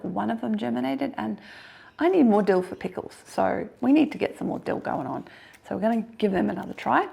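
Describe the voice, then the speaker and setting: An Australian woman with a husky, hoarse voice today, chatting casually to camera about her garden, self-deprecating and laughing often. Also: a little high, darkish tone. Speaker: gardening vlogger.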